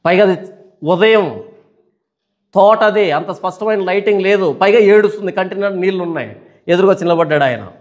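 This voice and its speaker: High-voiced pastor preaching with animated questions. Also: male voice, fairly quick, pauses often. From India. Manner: animated storytelling with rhetorical questions. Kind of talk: Bible study sermon.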